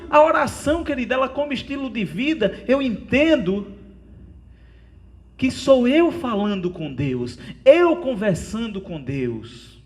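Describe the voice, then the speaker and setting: A man's voice: very high voice, darkish tone. A man with a Brazilian Portuguese accent preaching a sermon as pastor, in an earnest way, often calling his listeners "dear".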